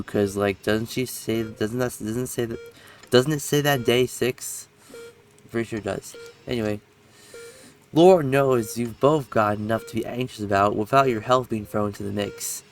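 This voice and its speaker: Gravelly young man narrating a game. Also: on the low side. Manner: rambling, self-correcting, chatty asides. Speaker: game streamer. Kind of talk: reading game text aloud with casual commentary.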